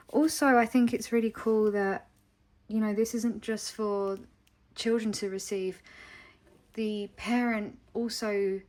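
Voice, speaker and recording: Young woman, from England, casual vlog to camera, slow and halting, heartfelt, lots of ums. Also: mid-range voice, a little mellow. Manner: hesitant and heartfelt, many ums and pauses. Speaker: vlogger.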